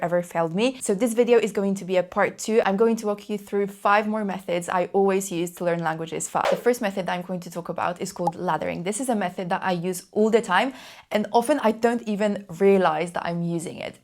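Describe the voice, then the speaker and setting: A young Polish-native woman, a language learning YouTuber, talks casually to camera in a mid-range, darkish voice. She's chatty and enthusiastic, often repeating herself for emphasis.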